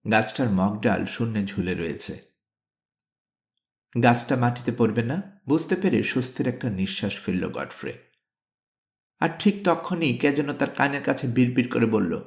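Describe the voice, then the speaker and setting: A man narrating an adventure storybook in a steady, dramatic storytelling manner. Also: medium pitch. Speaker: audiobook narrator. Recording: echoey room.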